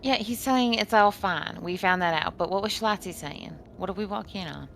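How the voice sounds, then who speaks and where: A woman voicing a brisk, bossy, no-nonsense adventurer in a tabletop game. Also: mid-range voice, gravelly, a bit bright, a little hiss or hum. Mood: brisk, impatient.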